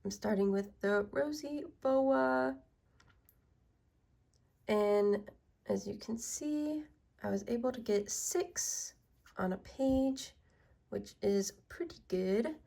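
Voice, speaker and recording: Soft-spoken and unhurried, a woman with a creaky voice on the high side guides viewers through her work in a small business vlog. She sounds stuffy and congested.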